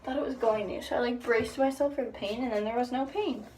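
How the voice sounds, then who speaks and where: A woman's voice: fairly high pitch, fairly even intonation, fast, a little mellow, a little hiss or hum. A teenage girl talking casually through a get-ready-with-me vlog in her bathroom, rambling and making fun of herself. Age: teens. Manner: rambling, self-deprecating and chatty. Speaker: beauty vlogger. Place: home bathroom. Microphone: phone camera nearby.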